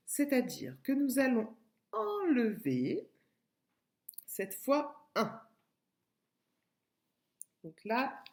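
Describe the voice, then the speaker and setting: A woman schoolteacher giving a recorded lesson to young pupils, patient and clear, repeating words and sounding out syllables. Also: a little high, darkish tone. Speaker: primary school teacher. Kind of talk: remote classroom lesson video.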